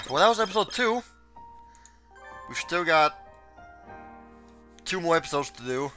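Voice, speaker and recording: A chatty streamer talks through a visual novel in a lively, animated voice. The tone is bright and forward, and soft chime music plays underneath. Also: mid-range voice, measured pace. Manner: chatty, laughing, reading aloud. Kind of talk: casual let's-play commentary.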